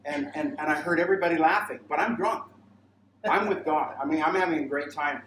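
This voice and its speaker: A man's voice: fairly high pitch, fairly quick, fairly bright tone. A man delivers a sermon-style testimony at a mission training, wandering through his story and slipping into the voices he quotes. He is picked up from a distance, so the room echoes around him. A faint hum of ambience sits under his voice. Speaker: pastor. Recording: roomy sound, mic far off, faint ambience.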